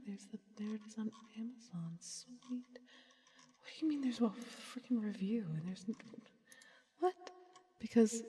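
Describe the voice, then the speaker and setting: A woman's voice: medium pitch, dark tone, big-room sound. A woman streamer in whispered ASMR chat, mostly whispering and chatty, with sudden startled outbursts. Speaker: VTuber streamer.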